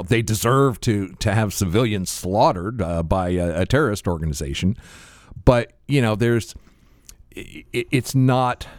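An American man chatting casually as a podcast co-host, halting and repeating words, with a slight lisp and slightly slurred speech. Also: fairly low pitch, no echo, studio quality. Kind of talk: casual chat.

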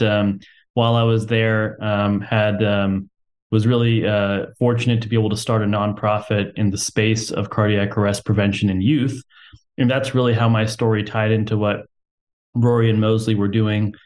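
A man's voice: fairly low pitch, a little mellow. A young man from Texas, a company co-founder, talking casually as a podcast guest with lots of "um"s and a self-deprecating humor. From Texas, USA.

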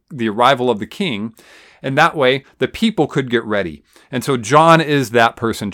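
A man's voice: mid-range voice, fairly bright tone. A male pastor teaching an expository sermon in a conversational way, with asides.

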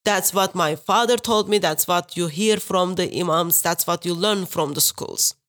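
A woman from Turkey with a Turkish accent, Turkish her first language, telling her story as a guest over a video call in an earnest, measured way. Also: on the low side, fairly bright tone. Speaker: guest, street preacher. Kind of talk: interview, personal account.

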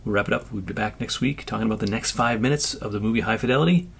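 Lower-voiced male podcast host, chatty. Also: rapid-fire, creaky, breathy edge. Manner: laughing, rambling storyteller. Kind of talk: casual podcast chat.

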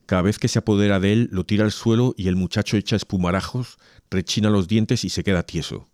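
A man's voice: fairly low pitch, fairly even intonation, quick pace, a little mellow, no room sound, clean studio sound. A man who reads a Gospel passage aloud and then chats casually about faith, hesitating and restarting as he talks. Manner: hesitant, restarts and laughs while chatting. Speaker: reader and co-host. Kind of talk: Gospel reading and casual religious chat.

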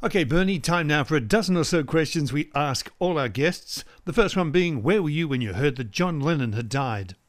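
A man's voice: on the high side, lively intonation, moderate pace, hardly any pauses, faint music behind. A man hosting an interview podcast, asking his guest questions in a friendly, direct way. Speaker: podcast host.

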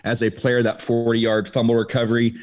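Male podcast co-host, medium pitch, casual conversational chat. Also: completely flat delivery, brisk, a little mellow.

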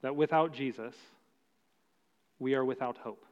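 A man preaching a sermon as pastor, slow and emphatic with long pauses. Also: mid-range voice, a little mellow. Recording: dull sound with long hall reverb.

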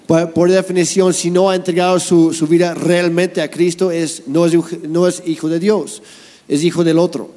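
A man's voice: fairly high pitch, flat delivery, moderate pace, dark tone, in a large hall. A man preaching a sermon in an earnest, explanatory way.

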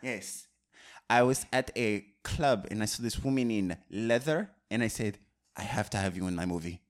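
Guy doing a fake french director, pompous, halting, keeps repeating himself. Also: mid-range voice, natural voice. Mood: deadpan boastful. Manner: halting, repeats words, deadpan boasting. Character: pompous self-important fake French male film director. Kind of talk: improvised comedy role-play.

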